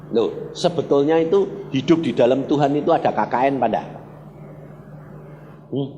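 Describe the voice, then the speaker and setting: A man's voice: normal speed, dull audio. A man preaching a sermon as pastor, telling stories animatedly and asking the congregation questions. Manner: animated storyteller with wide pitch swings, asks the congregation questions. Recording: reverberant church hall, faint background noise.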